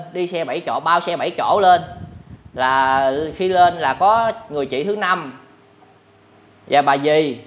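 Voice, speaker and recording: A man's voice: a little high, highs cut off. A young man with a Southern Vietnamese accent, earnestly telling his own story as a husband, retelling conversations with many fillers. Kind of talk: emotional first-person account.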